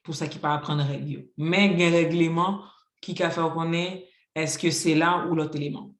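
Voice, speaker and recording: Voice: mid-range voice, fairly even intonation, moderate pace. Teacher, patient, walks through rules with examples, lots of ok donc, roomy echo. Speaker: Haitian Creole teacher. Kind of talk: classroom grammar lesson.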